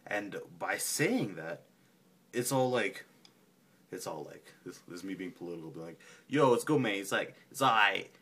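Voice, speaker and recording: Low husky-voiced Canadian man vlogging. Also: expressive, normal speed, pushed and bright. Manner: rambling, profane, self-mocking. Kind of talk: casual vlog rant.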